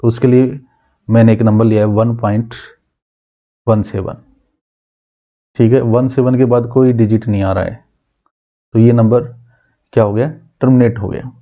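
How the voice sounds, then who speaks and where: A male math teacher giving a classroom lesson, asking his students questions and answering them himself, repeating key terms slowly. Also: medium pitch, fairly even intonation, warm tone, highs cut off.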